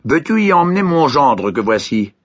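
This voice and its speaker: A man voicing a brisk wise old woman who asks sharp questions. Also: a little high, sing-song, husky, voice pushed up. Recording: dull lo-fi recording.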